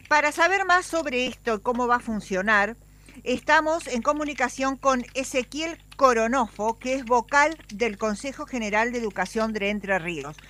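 A woman's voice: fairly high pitch, animated, normal speed, bright, forceful tone. A woman with an Argentine accent hosting a live radio interview in a chatty, conversational way. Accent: Argentine Spanish.

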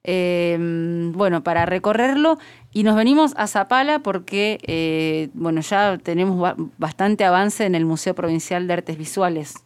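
Lady radio host, low smooth voice, dry close mic, keeps things moving. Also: moderate pace, dry recording. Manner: brief affirmations, steers the talk. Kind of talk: casual radio interview.

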